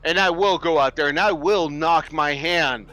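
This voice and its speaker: On a low-quality recording, a thirtysomething livestreamer launches into a passionate, preachy, swear-filled rant for his viewers, speaking at normal speed. His voice is on the high side, pushed and bright.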